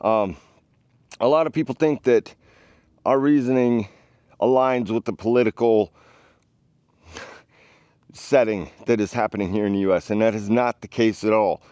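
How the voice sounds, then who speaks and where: A middle-aged man from the United States talks straight to the camera in a casual vlog, earnest and emphatic. His voice sits fairly low, and he is a bit winded from carrying a tripod. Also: fairly even intonation, moderate pace, pauses often, warm tone, clear, resonant tone, no echo. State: out of breath, walking with a tripod. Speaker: vlogger.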